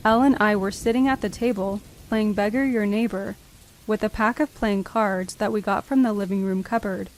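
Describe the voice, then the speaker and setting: Give a woman narrator reading true horror stories from a script. Her voice sits at an average pitch for a woman, and she tells each account in the first person as a storyteller would. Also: fairly even intonation, normal speed, a little hiss or hum, rough recording.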